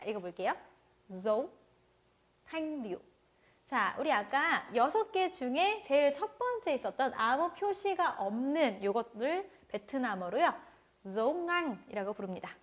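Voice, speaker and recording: High-voiced woman teaching a language lesson. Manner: patient, repeats words slowly for learners to follow. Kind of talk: online language lecture.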